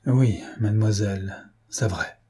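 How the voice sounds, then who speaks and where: A man's voice: mid-range voice, moderate pace, dark tone, husky, lightly acted. A man reading aloud and voicing a loyal old servant who speaks heavily, with sighs. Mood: despairing. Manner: heavy, sighing, insistent.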